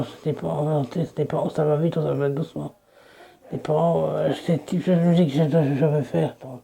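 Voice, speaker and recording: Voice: medium pitch, warm tone. A video creator giving a casual, rambling self-introduction to viewers as a DJ persona, often restarting sentences.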